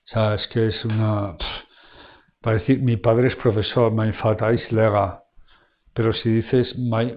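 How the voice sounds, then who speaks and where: A man walks through German grammar in a loose, conversational way. His voice is soft and mellow, and his talk is full of fillers. He slows right down when he reads each German example aloud. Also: fairly low pitch. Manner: relaxed, chatty, many fillers, reads German examples slowly. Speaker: German language teacher. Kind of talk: casual online lesson, explaining grammar.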